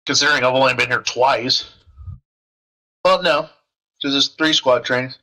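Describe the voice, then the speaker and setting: Bright-voiced man joking on comms. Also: mid-range voice, fairly even intonation, moderate pace, rough recording. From Alabama. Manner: joking, swearing, drawling banter. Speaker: squad rifleman. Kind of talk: casual voice chat while gaming.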